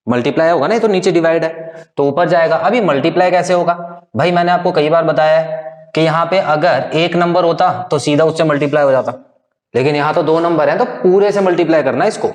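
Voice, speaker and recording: A man's voice: a little high, brisk. A man teaching a live online math class, explaining step by step and often checking if students follow.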